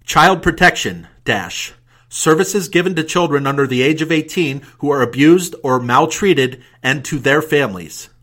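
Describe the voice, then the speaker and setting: A man's voice: on the high side, normal speed, few pauses, a bit bright. A man reading a formal document aloud in a dictating manner, voicing punctuation marks and spelling out letters. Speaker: reader of a government document for audio. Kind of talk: scripted document read-aloud.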